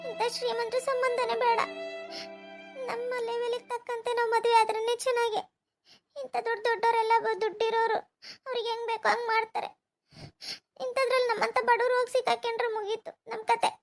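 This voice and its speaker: A nervous young bride-to-be from a cartoon, played by a woman, talks her worries out alone. Her voice sits very high and thin. It holds a narrow, flat line with little rise and fall, and she talks in a steady fretting monologue. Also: brisk, faint music behind. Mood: anxious, fretting. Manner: worried spoken monologue to herself. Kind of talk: cartoon voice acting.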